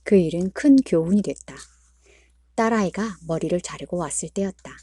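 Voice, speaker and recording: Woman reading a book out loud, calm and even, mellow voice, dry close mic. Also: on the low side, husky, dry recording. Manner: calm, measured storytelling. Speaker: book reader. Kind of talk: read-aloud book narration.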